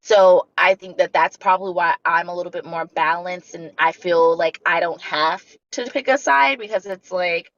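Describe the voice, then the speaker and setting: A woman from Bangladesh talking in a casual livestream chat, emphatic and animated as she tells her story. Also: on the low side, moderate pace, hardly any pauses. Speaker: livestream guest. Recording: dull lo-fi stream audio.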